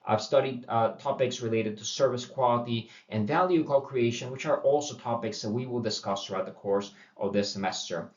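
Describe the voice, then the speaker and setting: A man's voice: mid-range voice, fairly quick, hardly any pauses. A middle-aged man from Puerto Rico introducing a university course, talking casually with many fillers and restarts. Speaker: university instructor. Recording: dull roomy audio from a distance.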